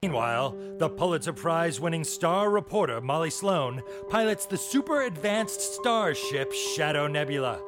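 Casting: man as theatrical serial narrator, highish lively male voice, retro radio style over loud music. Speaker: announcer, narrator.

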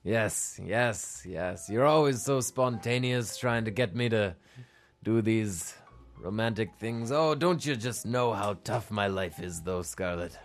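A man playing a world-weary old seafaring private detective in a gruff, brooding, self-dramatizing noir monologue style for a comic radio play. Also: lowish voice, a little slow. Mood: surly, sheepish. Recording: music playing under the voice.

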